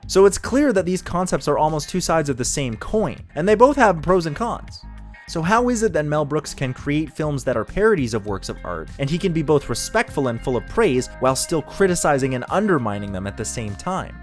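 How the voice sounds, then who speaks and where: A man's voice: a little high, big pitch swings, a little fast, soft background music. A man giving scripted narration for a video essay in an analytical tone, with dry jokes tossed in. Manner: dry jokey asides in an analytical tone.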